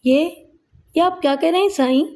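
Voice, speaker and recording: A woman's voice: high voice, mellow, close to an everyday voice. A woman voicing a bewildered young man who pleads tearfully and desperately that he is innocent. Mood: pleading.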